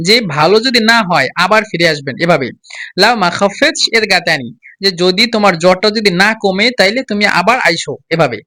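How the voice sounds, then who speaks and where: A man teaching a spoken language lesson, repeating each phrase slowly and urging listeners to copy his pronunciation. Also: high-pitched, pushed and bright. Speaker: Arabic teacher.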